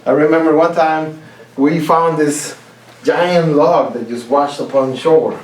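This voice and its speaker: A man from Costa Rica gives a humorous contest speech in a club meeting room, his fairly high, steady-toned voice sounding distant and echoey. He laughs at his own funny stories and restarts haltingly. The roomy recording comes from a distant mic with faint hiss.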